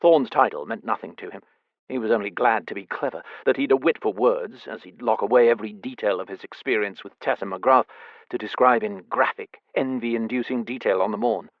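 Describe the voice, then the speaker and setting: A man reading a historical romance audiobook in a measured, expressive storytelling manner. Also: lowish voice, dry recording, lo-fi sound. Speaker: audiobook narrator. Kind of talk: scripted audiobook narration.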